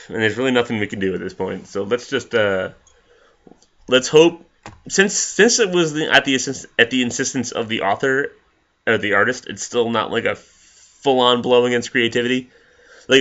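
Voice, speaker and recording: Profane rambling man with a bright voice. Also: mid-range voice. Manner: profane, rambling, with many fillers. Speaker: vlogger. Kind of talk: ranting commentary vlog. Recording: dull lo-fi recording.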